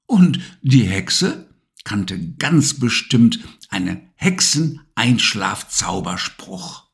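A man reading a children's bedtime story aloud in a slow, expressive storytelling manner. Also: mid-range voice, creaky. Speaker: narrator.

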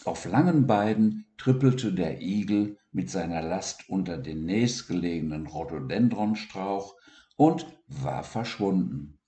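A man reading a children's story aloud in a calm, expressive narrating voice. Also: deep voice, unhurried. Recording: roomy echo.

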